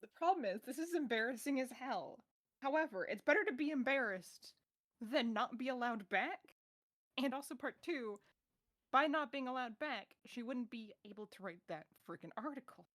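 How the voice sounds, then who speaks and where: A woman's voice: high voice, lively intonation, normal speed, a bit bright, no room sound, studio quality. A woman playing a tabletop role-playing game, speaking casually and jokingly with many fillers. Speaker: player. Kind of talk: tabletop role-play, in and out of character.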